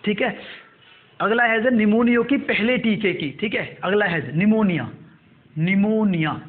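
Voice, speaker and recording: A male coaching teacher, dictating current affairs notes and repeating each term slowly. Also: high-pitched. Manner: repetitive, drills terms slowly for note-taking. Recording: tinny phone-like audio.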